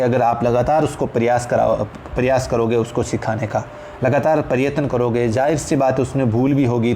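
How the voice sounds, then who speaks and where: A warm, mid-range voice comes from a man with an Indian accent teaching an explanatory exam-prep lecture. He repeats phrases for emphasis and speaks to his listeners as friends, with clearly audible background noise.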